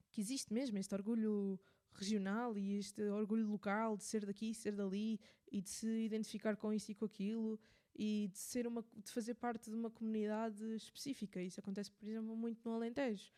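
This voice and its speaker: A woman's voice: mid-range voice, mellow. Hesitant European Portuguese woman on radio. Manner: thinks aloud with many fillers and restarts. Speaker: radio show host. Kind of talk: casual spoken commentary.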